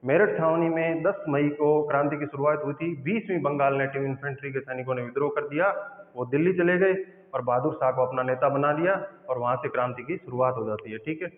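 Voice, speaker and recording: A male teacher giving an exam-prep history lesson, asking quiz questions and answering them himself, repeating key points slowly. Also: medium pitch. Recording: echoey room on a tinny phone-like mic.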